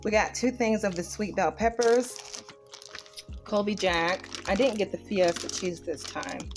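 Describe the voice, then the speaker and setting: In her home kitchen, a woman vlogger shows off a grocery haul, casually listing items one by one for her viewers with informal, colloquial grammar. Her voice is medium-pitched and her pace measured, with music playing in the background.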